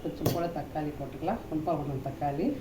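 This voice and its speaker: Sizzling pans and a roomy echo surround a woman cooking at home as she walks viewers through a recipe. Her low voice moves quickly with fairly even intonation, and she chats familiarly, repeating each step in a homely, casual way.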